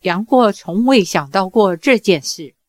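A woman reading a novel aloud as an audiobook narrator, with measured, expressive storytelling. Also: mid-range voice, dry recording.

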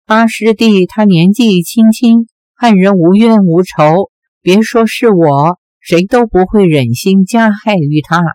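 A woman voicing an earnest, gentle young male swordsman who pleads and protests his innocence, read slowly. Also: medium pitch, no room sound, lightly acted. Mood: pleading.

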